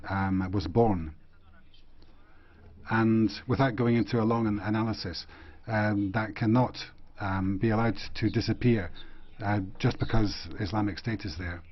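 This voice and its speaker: A man interprets parliament speeches in real time, his voice low and breathy. He speaks in a halting, measured way with frequent pauses. The audio is muffled like a dull broadcast feed.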